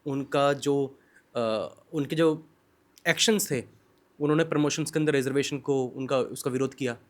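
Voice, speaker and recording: A man's voice: mid-range voice, normal speed. A man hosting a podcast who asks pointed questions and keeps murmuring along while his guest speaks. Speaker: podcast host. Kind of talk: interview questions.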